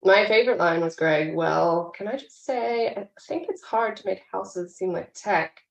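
Gravelly-voiced woman in an echoey room. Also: mid-range voice, a little slow. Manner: chatty, animated recapping with frequent laughs. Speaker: podcast co-host. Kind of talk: casual chat recapping a TV episode.

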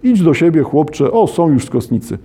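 A man's voice: fairly high pitch, big pitch swings, normal speed, warm tone, slightly rough, heavily acted. A man reading aloud the lines of a curt, matter-of-fact widowed landlord in a novel, speaking in clipped sentences. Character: curt widowed boarding-house landlord, middle-aged man.

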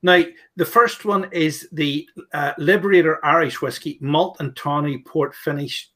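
A man's voice: fairly high pitch, steady tone, measured pace, fairly bright tone. A man co-hosting a tasting, chatting casually and introducing products. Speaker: co-host of whiskey tasting.

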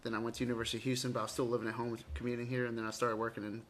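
A man's voice: medium pitch, little pitch movement, racing, slight background noise. A man in his forties, born abroad and raised in the southern US, chatting as a podcast guest and telling stories animatedly with self-mocking asides. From Argentina, raised in Texas. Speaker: interview guest. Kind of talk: casual conversation.

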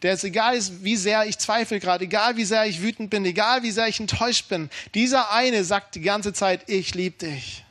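A man in his thirties preaching a sermon, emphatic and informal, swinging between urgent and hushed delivery. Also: sits high, fairly quick, few pauses.

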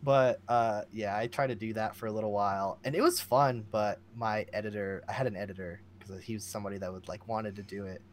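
A man's voice: fairly low pitch, fairly even intonation, fairly quick, hardly any pauses, slight background noise. A man, a guest streamer, talking casually on a podcast, swearing often and laughing a lot.

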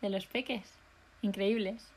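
A young woman, co-hosting a podcast in casual, excitable chat and laughing often. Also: medium pitch, a little slow, slight background noise. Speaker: podcast co-host.

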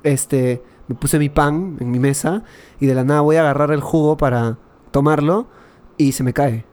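A young man with a Peruvian accent, telling a personal story in an animated, slangy way, full of fillers, in a casual chat. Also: a little high, normal speed. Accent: Peruvian Spanish.

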